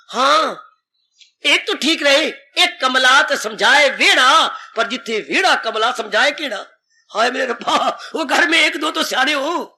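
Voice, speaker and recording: A man's voice: extremely high pitch, bright, forceful tone. An older man, a swami, giving a devotional sermon on the Gita, emphatic and repeating his key phrases. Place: satsang hall.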